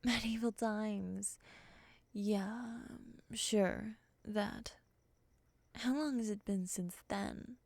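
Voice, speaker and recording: In an ASMR roleplay, a woman voices a predatory moth monster woman who is calm and condescending, speaking softly and often whispering. Her medium-pitched delivery is very slow, with vocal fry, a dry, probing mood and no room sound.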